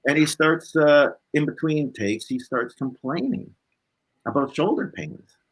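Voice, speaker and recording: Unhurried and breathy-edged, a man with a fairly high pitch speaks on a rough recording. He is a blues musician guesting on an interview, casually relating lively personal stories, voicing snippets of dialogue, and adding "right?" to his phrases.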